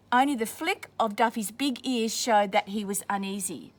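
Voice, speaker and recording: Here a woman from a school reads a picture book aloud for children, pausing to give easy explanations of words. Her pitch is a little high and her tone fairly bright.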